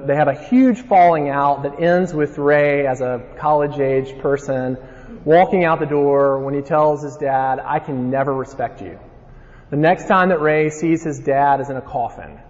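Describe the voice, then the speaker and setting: A man's voice: a little high, darkish tone. Alabama Southern man preaching in a hall. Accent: Alabama Southern American. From Alabama, United States. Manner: informal, folksy. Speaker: conference preacher. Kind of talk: sermon with scripture reading and personal storytelling. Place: large reverberant room, live talk. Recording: dull sound in a reverberant hall.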